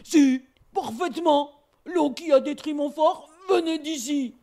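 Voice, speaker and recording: A woman's voice: high voice, a little slow, warm tone. A woman voicing a proud, hot-tempered male bear warrior from a storybook, blustering and threatening as she reads aloud. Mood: angry.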